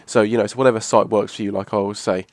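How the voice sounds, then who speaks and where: A young man hosting a gaming channel gives casual gameplay commentary in a lowish, steady voice, hoarse from a cough. He talks at a racing clip with no echo, rambling, restarting often, and swearing casually.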